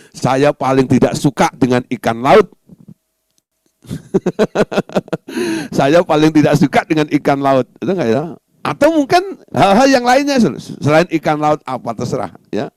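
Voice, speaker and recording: A male pastor giving a lively, playful sermon, often asking his listeners "right?" as he goes. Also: mid-range voice, no echo. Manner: animated, playful, often asks "right?" and "yes".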